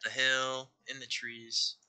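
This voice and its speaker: Bright-voiced man leading a game squad. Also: mid-range voice, completely flat delivery, takes it slowly. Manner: giving directions, self-correcting. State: hiccups. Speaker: squad leader. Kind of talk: casual game chat over voice comms.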